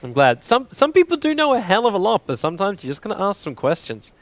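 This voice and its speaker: Young male esports caster, jokey on-air banter, very lively swinging pitch, a bit high, dry close sound. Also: fast talker, no echo. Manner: animated, jokey, laughs often, self-deprecating. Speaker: esports commentator. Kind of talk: casual on-air banter between games.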